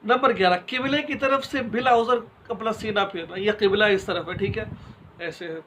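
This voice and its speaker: A man with a notably high voice delivers a religious lesson as its teacher. He lays out each rule in order, stops to ask rhetorical questions, and illustrates with homely examples. A faint background hiss sits beneath his voice. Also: pushed and bright, rough recording. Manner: addresses listeners directly and informally.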